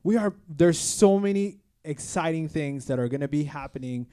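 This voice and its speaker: A man's voice: fairly high pitch, moderate pace, warm tone, clean tone. A man in his twenties hosting a podcast, talking in an upbeat, chatty way with lots of "like.". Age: 20s. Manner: upbeat, chatty, uses filler "like". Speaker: podcast host. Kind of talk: casual chat.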